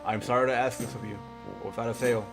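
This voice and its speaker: A man's voice: lowish voice, steady tone, fast, gravelly, over music. A man voicing a wise old talking boat from a video game, a solemn, kingly guide with a grave, formal manner. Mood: earnest, guiding. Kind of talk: video game character read-aloud.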